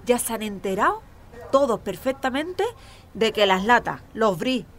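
A fairly high female voice with lively intonation and a measured pace, slightly bright in tone, with a little hiss or hum on the recording. She's acting in conversational audio fiction as a chatty, cheerful neighbour: an office-worker mother and big football fan, effusive and folksy, with an Andalusian accent.

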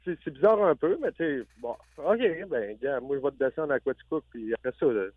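A man's voice: medium pitch, expressive, a little fast, no room sound. A man with a Québécois accent calling in to a radio show and telling a rambling story with quoted dialogue. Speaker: caller. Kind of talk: phone-in storytelling. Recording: tinny dry phone line.

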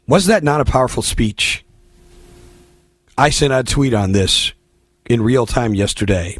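A man's voice: mid-range voice, husky, no room sound, clean studio sound. An American man hosting a political talk radio show, delivering an opinionated monologue in a blunt, emphatic, exhorting manner.

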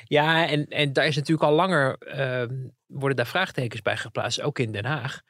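A man's voice: mid-range voice, normal speed, dry recording, studio quality. A man, a political commentator, telling anecdotes in casual podcast chat and acting out the people he quotes. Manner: lively storyteller who acts out the people he quotes.

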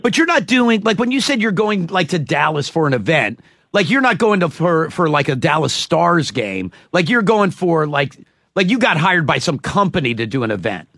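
High, lively, bright-voiced joking man. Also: moderate pace, no room sound, studio quality. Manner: jokey, breaks into loud vendor calls and laughs. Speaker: podcast co-host. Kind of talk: casual comedic chat.

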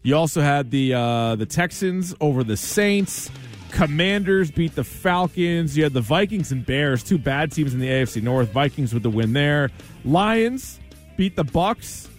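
Guy hosting sports recap, chatty, voice a bit high, music playing under. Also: animated, measured pace. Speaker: sports show host. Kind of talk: conversational sports highlights recap.

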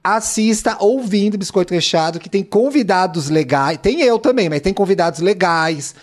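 Campy brazilian guy w a high voice, playful drag-slang banter, podcast chat. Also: moderate pace. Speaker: podcast co-host. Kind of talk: casual group podcast chat.

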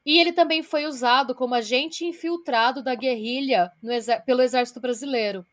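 A podcast co-host from Brazil, with a Brazilian Portuguese accent, relates a story from her research. Her voice sits high and moves a little fast, and her tone is blunt and casual, with some swearing.

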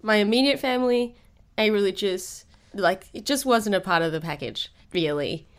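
A woman's voice: medium pitch, animated, moderate pace. A woman chatting casually and playfully as a podcast host, often teasing. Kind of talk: casual chat.

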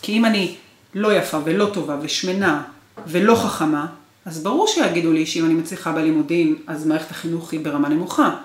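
A woman in her forties in an interview, recounting her marriage with emotional, repetitive intensity. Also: low voice. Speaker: guest. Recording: roomy echo.

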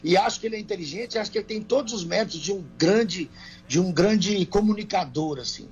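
This guest is a Brazilian man, a country singer, giving folksy, colloquial answers to interview questions via remote call on a phone or earbuds. His voice sits high and his pace is brisk. The highs are cut off, and faint music can be heard behind him.

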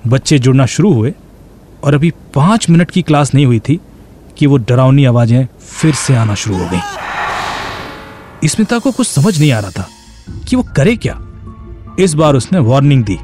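A man's voice: mid-range voice, big pitch swings, normal speed, pauses often, warm tone, soft background music. Man narrating a suspense story. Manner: dramatic, suspenseful.

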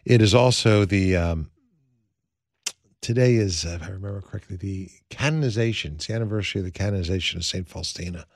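A man hosting a radio show in a studio, talking in a smooth, earnest, conversational way with many fillers as he leads prayer. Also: low voice, fast talker, dry recording. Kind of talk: smooth radio host talk, leading prayer.

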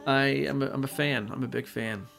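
A man co-hosting a film podcast, chatting casually with lively enthusiasm. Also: medium pitch, normal speed, vocal fry, faint music behind. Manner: lively, laughs easily, enthusiastic. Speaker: podcast co-host.

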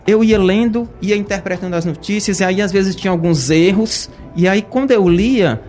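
High-voiced man, chatty storyteller. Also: moderate pace, a little mellow, soft background music. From Ceará, Brazil. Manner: chatty, anecdotal, frequent tag questions. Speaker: guest, journalist. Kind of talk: conversational storytelling.

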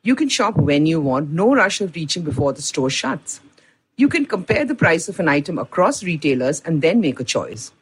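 Husky-voiced Indian woman, lively podcast host. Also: deep voice, moderate pace, low-quality recording. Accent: Indian English. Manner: upbeat, enthusiastic storytelling. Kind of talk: scripted podcast narration.

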